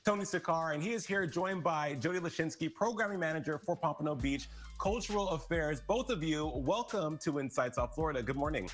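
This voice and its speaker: A man's voice: on the high side, fairly quick, soft background music. A young man hosting a TV interview over a video call from his living room, enthusiastic and drawing out words for emphasis. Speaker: TV host. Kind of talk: upbeat TV interview.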